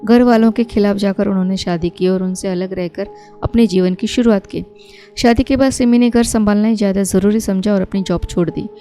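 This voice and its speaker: Woman reading out a hindi horror story, mellow voice, quiet music behind. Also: medium pitch, steady tone, brisk. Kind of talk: scripted horror story narration. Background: faint background music.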